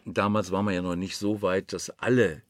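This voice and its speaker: Older male guest, lowish voice, lively yarn-spinner, dry studio sound. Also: a little fast, no echo. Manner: animated, acts out quoted voices, frequent "ne?". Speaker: guest, former news anchor and actor. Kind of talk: casual anecdotal storytelling. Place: podcast studio.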